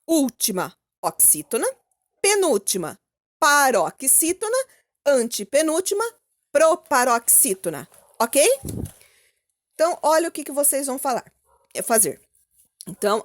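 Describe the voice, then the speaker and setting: A Brazilian woman teacher giving a recorded lesson to children, speaking slowly and clearly and checking in with questions. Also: high-pitched. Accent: Brazilian Portuguese. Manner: slow, clear, prompting with questions and "ok?".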